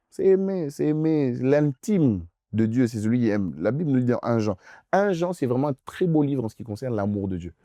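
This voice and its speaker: A man's voice: mid-range voice, mellow, dry recording, studio quality. A young man preaching as pastor in a youth question-and-answer session, emphatic and insistent, repeating phrases straight at the listener.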